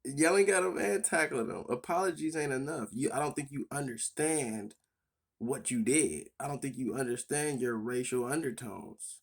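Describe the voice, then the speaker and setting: A man's voice: medium pitch, moderate pace, gravelly. Blunt, profane male commentator. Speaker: commentator reacting to an interview clip. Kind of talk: casual reaction commentary.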